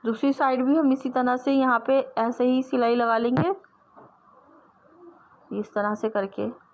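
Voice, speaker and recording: Lady sewing teacher, kinda high voice, slow patient how-to talk, lots of repeating. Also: fairly even intonation. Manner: patient, repetitive step-by-step explaining. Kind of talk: step-by-step sewing tutorial.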